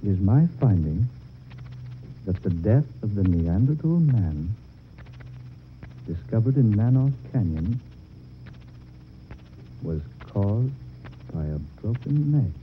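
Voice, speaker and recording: Animated, earnest radio drama hero. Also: male voice, fairly low pitch, takes it slowly, pauses often. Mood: grim. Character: earnest, curious, excitable man exploring a museum. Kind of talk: 1940s radio horror acting. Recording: tinny, noisy vintage radio recording.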